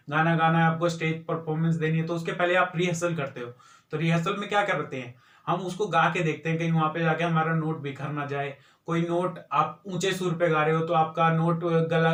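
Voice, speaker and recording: A man's voice: fairly high pitch, a bit bright, roomy sound, recorded from a distance. A young man giving earnest, repetitive study advice to students in a motivational talk. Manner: earnest, repeats points for emphasis.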